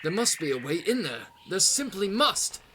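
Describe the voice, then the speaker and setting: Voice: mid-range voice, sing-song, moderate pace, background noise, pitched above the performer's own voice, lightly acted. Someone doing a pompous English turtle explorer. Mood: determined. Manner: theatrical, pompous, upper-crust. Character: eccentric English male turtle explorer, gung-ho.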